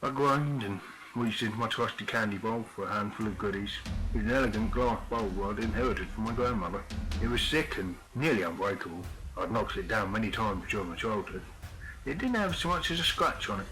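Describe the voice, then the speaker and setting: Low-voiced man narrating a creepy story. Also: lively intonation, brisk, bright, forceful tone, rough recording. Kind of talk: scripted horror story narration. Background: faint background music.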